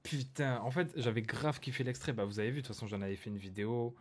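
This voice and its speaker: A man's voice: medium pitch, steady tone, quick pace, slightly rough. A man hosting a rap reaction video, chatting casually with many fillers and restarts, hyping up his viewers.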